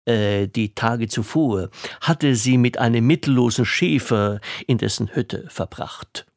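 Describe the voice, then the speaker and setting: A man's voice: medium pitch, measured pace, darkish tone, dry recording, studio quality. A man narrating a fairy tale in a playful tone, adding wry asides. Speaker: storyteller.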